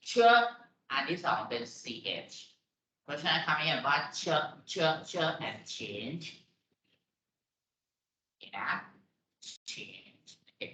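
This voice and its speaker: A man's voice: fairly high pitch, sharp tone. A man with a Thai accent teaching English pronunciation in a lecture, patiently explaining and repeating words. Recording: echoey room, dull lo-fi audio.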